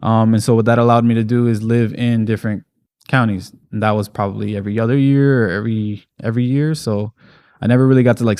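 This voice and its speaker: A man's voice: on the low side, darkish tone. A man raised in Miami, a muralist guest talking casually and enthusiastically in an interview, rambling with fillers.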